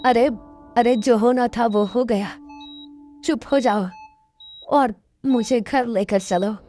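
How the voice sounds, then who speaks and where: A woman voicing a poor, hardworking father who is proud and stubborn, with a gruff way of brushing off worry, in a cartoon storybook. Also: a little high, takes it slowly, dark tone, soft background music.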